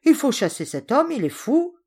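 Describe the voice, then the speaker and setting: A woman voicing an indignant male house servant, sharp and suspicious. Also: medium pitch, lively intonation, normal speed, close to an everyday voice.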